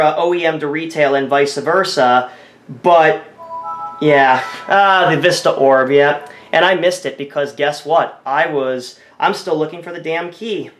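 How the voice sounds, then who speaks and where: A man with a fairly high voice talks casually over his own screen recording in an echoey room, thinking aloud, rambling and frequently correcting himself. He is a tech video creator and a native English speaker.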